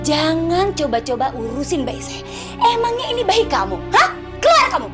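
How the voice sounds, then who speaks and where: Casting: jealous young mom, very high, swooping shouts, tearful scolding, soap drama with loud music bed. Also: female voice, big pitch swings, normal speed. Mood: angry scolding. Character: shrill, jealous young mother, harsh to her maid. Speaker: young mother scolding her maid.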